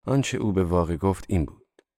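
Male narrator for a literary audiobook, deep voice, steady and measured, dry close mic. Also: no echo. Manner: calm, even literary narration. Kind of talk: audiobook reading of a novel.

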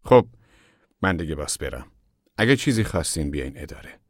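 A man's voice: rumbling low, sing-song, dry recording, studio quality, full character voice. A man reading an audiobook, voicing a small, friendly, talkative camp manager. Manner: warm, friendly, chatty. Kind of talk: audiobook character voice.

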